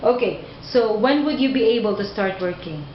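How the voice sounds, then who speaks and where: A woman interviewer asks question after question at a middle pitch, repeating and rephrasing each one patiently. Her voice sits in an echoey room and the recording sounds dull. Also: expressive, normal speed, slight background noise. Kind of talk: job interview.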